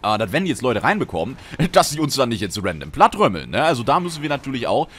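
A young man talks over his gameplay at a desk mic. His pitch jumps around a lot as he reacts to the match. He throws in slang and sudden loud shouts. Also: slightly rough, soft background music. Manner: excited slangy banter, quick outbursts. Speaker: gaming channel host. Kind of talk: Let's Play commentary.

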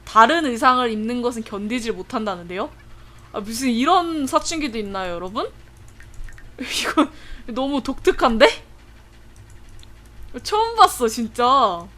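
A young woman streaming a life-sim game, chatting to viewers and breaking into excited laughing shrieks. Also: fairly high pitch, unhurried, pauses often. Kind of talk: casual livestream commentary.

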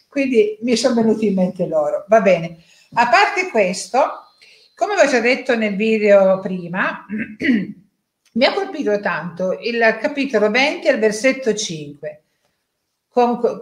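Italian woman chatting through a bible reflection, halting and thoughtful, lots of "no?", roomy echo. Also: mid-range voice. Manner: thoughtful, hesitant, tag questions and fillers. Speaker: parishioner sharing a Bible reflection. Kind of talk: casual spoken reflection on scripture. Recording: echoey room.

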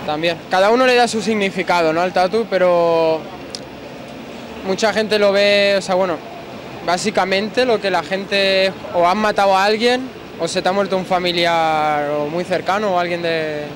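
Young man, high voice, laid-back slangy talk. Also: fairly even intonation, moderate pace. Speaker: tattoo artist, interviewee. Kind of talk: casual chat. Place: large indoor expo hall. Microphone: handheld interviewer mic. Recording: noisy convention hall.

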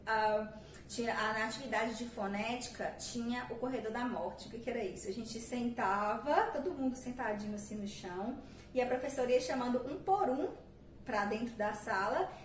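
A Brazilian woman teaching English teachers in a casual video lesson. She chats as she explains, tosses in English words and often checks in with quick tag questions. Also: sits high, reverberant, distant mic, slight background noise.

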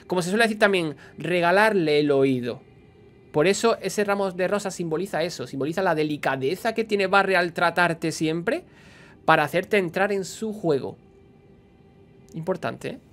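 A man's voice: high-pitched, normal speed, a bit bright, soft background music. A man giving chatty, explanatory lore commentary while he plays a game. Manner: chatty, explanatory, often says "¿vale?". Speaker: lore channel host. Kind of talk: casual gameplay lore commentary.

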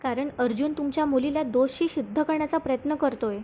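A scheming young wife fusses loudly over her husband, pleading and theatrical. A woman reads her lines in a high, light voice over a faint hiss. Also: brisk, natural voice. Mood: dramatic worry. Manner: pleading, overdramatic. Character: young married woman, plotting and dramatic.

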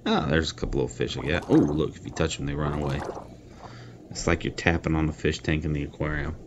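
A man's voice: extremely low pitch, expressive, brisk, noisy background. A man giving casual, chatty commentary while playing and reviewing a mobile game, thinking aloud and poking fun at his own mistakes. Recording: faint game music behind.

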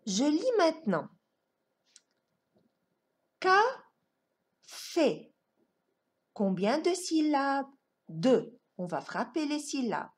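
A woman teaching young children a phonics lesson, enunciating each word in a slow, exaggerated sing-song way. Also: high-pitched, sing-song, a little mellow. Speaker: preschool teacher.

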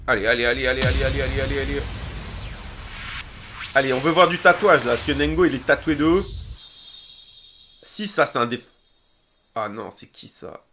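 A young man streaming a football video game, commenting on pack openings in a casual, excitable way, chanting and shouting when cards are revealed. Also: mid-range voice, normal speed, pauses often, over music. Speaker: gaming streamer.

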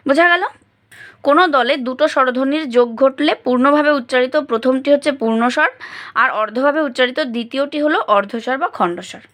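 A woman with a high, light voice teaches a grammar lesson to schoolchildren. She explains patiently, step by step, and breaks words into syllables as she says them aloud. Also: quick pace, a bit bright.

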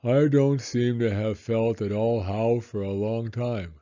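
A man voicing a mournful, resigned old donkey from a storybook, in a doleful, drawn-out manner. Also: medium pitch, fairly even intonation, dark tone, muffled recording, close to an everyday voice. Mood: gloomy, resigned.

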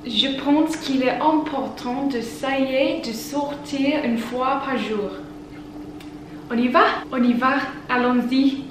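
A young woman from England talks to camera in a casual vlog, slowly and carefully, often laughing. Her voice sits a little high. The room sounds echoey, with a faint hiss of background noise. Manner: slow, careful speaking with frequent laughs. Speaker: vlogger. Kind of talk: casual vlog, learning French. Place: indoors at home, study.

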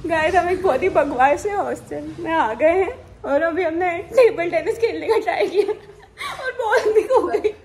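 A woman's voice: very high voice, moderate pace, a little mellow. A young woman chatting casually and jokingly to her phone camera while travelling, laughing through exaggerated complaints. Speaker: vlogger. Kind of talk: casual travel vlog chat. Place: outdoors in busy tourist spots. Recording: phone audio with crowd and traffic noise. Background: crowd chatter and passing vehicles.

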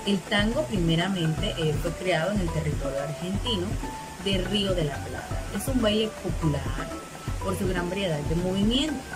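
A woman's voice: on the low side, expressive, normal speed, rough recording. A woman in her thirties from Panama, a university student steadily reciting a class presentation with a few fillers. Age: 30s. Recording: loud background music.

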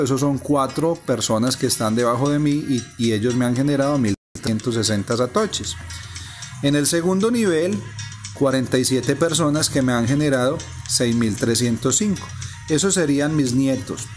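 A man calmly narrating a phone game walkthrough step by step. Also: mid-range voice, normal speed, faint music behind. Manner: explains step by step, calm and methodical. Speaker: gameplay narrator. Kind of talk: casual screen-recording walkthrough. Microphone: voice-over on a phone screen recording.

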